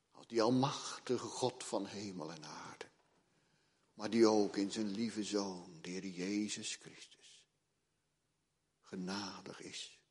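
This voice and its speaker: A pastor preaching a sermon in a church, dramatic and earnest, acting out the people in the story with rising urgency. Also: male voice, low-pitched. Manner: dramatic, retells the story with emotional voices, rises to loud pleading. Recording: long church reverb.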